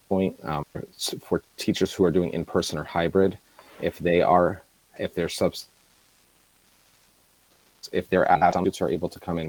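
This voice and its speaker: A man's voice: sits low, darkish tone, poor audio. Man on a video call that keeps dropping out. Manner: halting, with restarts. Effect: video call audio breaking up and dropping out. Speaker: school district administrator. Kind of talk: remote meeting report. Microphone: video call from home.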